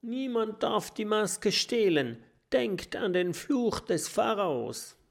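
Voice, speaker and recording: A man's voice: sits high, big pitch swings, slow pace, vocal fry, voice pushed up, full character voice. A man doing a trembling, stammering professor. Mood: pleading. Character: timid male professor, frightened and stammering.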